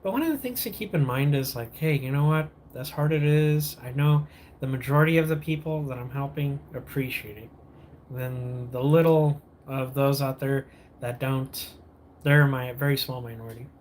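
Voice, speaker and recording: A man's voice: medium pitch, normal speed, a little mellow, a little hiss or hum. A man hosting a casual morning livestream, sipping coffee, greeting viewers and rambling, often losing his train of thought and restarting. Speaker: livestream host.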